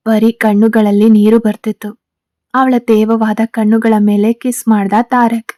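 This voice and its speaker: A woman reads a serialized story in a steady, even way. Her voice is fairly high and mellow. The sound is dry and close. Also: a little slow, dry recording.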